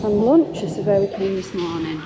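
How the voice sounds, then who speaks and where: A middle-aged woman gives a chatty, lively walking tour of a hotel lobby and garden, talking into a handheld phone. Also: mid-range voice, moderate pace. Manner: chatty, lively, pointing things out as she walks. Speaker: travel vlogger. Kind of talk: casual walking tour commentary. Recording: loud outdoor background noise.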